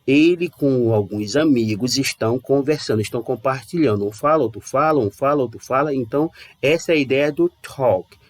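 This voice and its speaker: A man from Brazil teaching English in a casual online lesson, chatty and repeating words slowly to model pronunciation. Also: medium pitch, dry recording.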